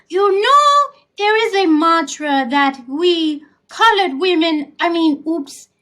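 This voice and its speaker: A woman playing a glamorous, theatrical vintage-starlet talk show hostess, purring with affected, drawn-out diction. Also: sits high, pushed and bright, heavily acted, low-quality recording. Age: over 40. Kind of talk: comedic in-character talk show hosting.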